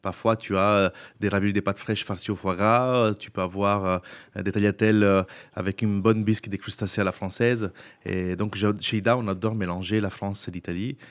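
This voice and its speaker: A male chef with a fairly low voice walks through his kitchen techniques step by step. He speaks in a casual, friendly way and laughs easily. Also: steady tone, fairly quick. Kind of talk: casual chat.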